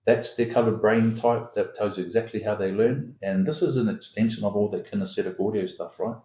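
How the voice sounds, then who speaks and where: Podcast guest, male, from Singapore: warm low voice, insistent repetitive delivery, roomy sound. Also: a little fast. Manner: emphatic, repetitive, builds points through extended metaphor. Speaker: founder of an education academy, podcast guest. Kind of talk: conversational podcast interview.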